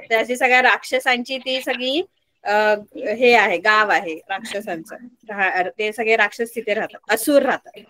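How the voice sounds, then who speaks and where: A woman teacher reading a story aloud in an online class, explaining it slowly and asking the children questions. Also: a little high, pushed and bright, no room sound.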